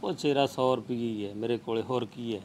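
An actor playing a poor, aging father who gently consoles his daughter. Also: mid-range voice, brisk, slight background noise, lightly acted. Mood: tender.

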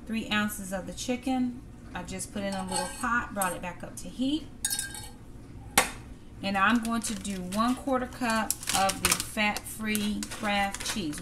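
Here a cooking vlogger in middle age narrates a meal she's making at home, talking to "y'all" in a loose, conversational way at an everyday pitch. Her camera sits on the counter, so the clatter of cookware, dishes and cutlery comes through clearly, with background noise as well.

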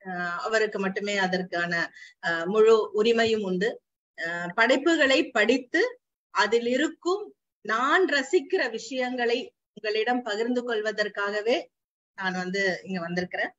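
A woman with a high voice introduces a short story in a measured, reflective way. She speaks as a storyteller and coach sharing what she loves about it. The recording is slightly dull and lo-fi. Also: a bit bright. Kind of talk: retelling a short story for an online series.

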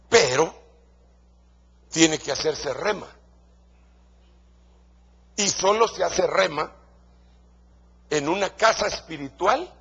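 Husky Guatemalan preacher man. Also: a little high, fairly bright tone, muffled recording. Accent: Guatemalan Spanish. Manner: emphatic, repeats key phrases. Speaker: pastor. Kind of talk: sermon.

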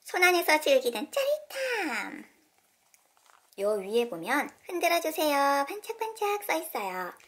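A woman's voice: high voice, wildly swooping pitch, measured pace, a bit bright, slight background noise. A woman hosting a toy unboxing video, narrating cheerfully for children with playful exclamations. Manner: playful, exclaims often, talks to kids.

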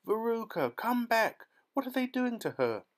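A man's voice: very high-pitched, sing-song, normal speed, voice pushed up. A man voicing a doting mother who screams in panic for her daughter. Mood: panicked.

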